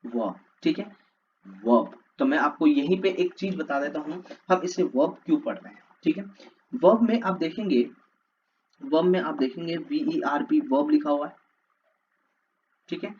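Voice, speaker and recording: A man teaching a class, asking questions and having the listeners repeat words back to him. His voice sits a bit high for a man. The audio is slightly dull and lo-fi, with a faint hiss behind it. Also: expressive, moderate pace, darkish tone. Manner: repetitive call-and-response drilling. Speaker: English teacher. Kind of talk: classroom lecture for exam prep.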